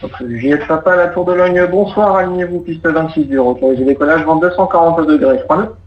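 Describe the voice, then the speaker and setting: A man's voice: fairly high pitch, fairly quick. A man working as an air traffic controller, giving procedural, courteous instructions and explanations over the radio. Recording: muffled roomy radio audio, faint noise.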